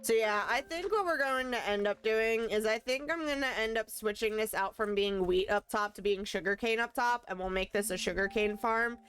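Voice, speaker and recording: A woman's voice: a little high, normal speed, hardly any pauses, fairly bright tone, clear, resonant tone. A woman streaming a video game live, chatting casually and thinking aloud as she plays. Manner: playful, answers chat.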